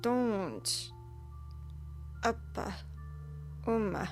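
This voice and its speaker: A groggy, tearful young woman pleads in short, mumbled words, put on by a woman reading a storybook. The voice sits higher and drifts back from the mic with a touch of fry. Music plays behind her. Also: animated, very slow. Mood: pleading. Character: groggy, tearful young female student, half-conscious.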